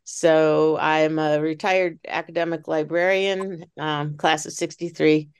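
A woman's voice: low voice, fairly even intonation, measured pace, clear, resonant tone. A woman in her eighties giving a chatty, cheerful introduction on a video call. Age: 80s. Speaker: panel guest.

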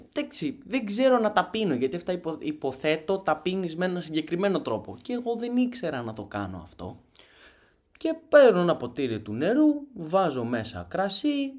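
A young man telling comic stories and acting out the people in them in his own lively way. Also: high-pitched. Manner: lively, acts out quotes in other voices. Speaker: stand-up comedian. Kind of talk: comic storytelling.

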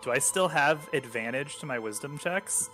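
A man's voice: medium pitch, animated, normal speed, over loud music, low-quality recording. A man playing a tabletop role-playing game, casually describing what his character is doing.

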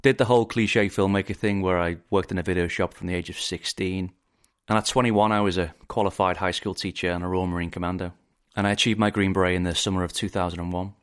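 A man in his forties with a Liverpool accent, a film director hosting a podcast in measured, reflective narration. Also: low-pitched, fairly even intonation, smooth. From England.

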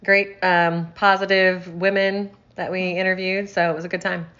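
A woman's voice: on the low side, little pitch movement, normal speed, fairly bright tone. Middle aged woman cohost, short agreeing bits and giggles, muffled phone recording. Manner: brief agreeing replies, giggly. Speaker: podcast co-host. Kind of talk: casual chat.

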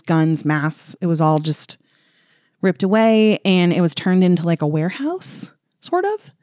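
Woman, low-pitched, casual history storytelling, wry asides, dry close sound. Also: warm tone, no room sound. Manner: chatty, filler-heavy, wry asides. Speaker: podcast co-host.

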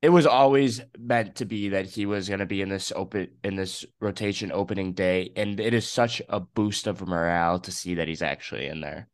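Young dude on a sports podcast, kinda low voice, fired up with opinions, just woke up. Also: male voice, a little fast, few pauses, no echo. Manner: excited, opinionated. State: just woken up, morning voice. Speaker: podcast co-host. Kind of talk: casual sports podcast chat.

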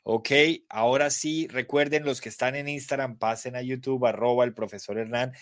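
A man's voice: medium pitch, fairly even intonation, normal speed, no echo. A Colombian man teaching a live online English class, spelling letters aloud and praising students by name. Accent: Colombian Spanish.

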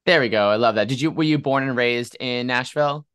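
A man's voice: medium pitch, fairly quick, a bit bright, smooth, no room sound, studio quality. A man hosting a podcast, reading a scripted intro and then interviewing a guest in an upbeat, encouraging way. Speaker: podcast host.

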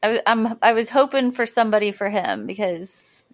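A woman's voice: medium pitch, normal speed. A woman co-hosting a casual book discussion, agreeing often and laughing easily. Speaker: podcast co-host.

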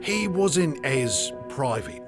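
A man's voice: mid-range voice, big pitch swings, takes it slowly, over music. An actor playing a brash, cheerful Australian bushman guide with a slangy, matter-of-fact way of talking.

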